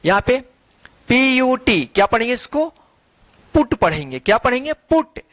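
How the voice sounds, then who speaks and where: A man teaching English reading as a class lesson, spelling out letters slowly and patiently asking the class to repeat each word. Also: very high-pitched, sing-song, fairly bright tone, dry recording. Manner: patient, drills words and asks the class to repeat.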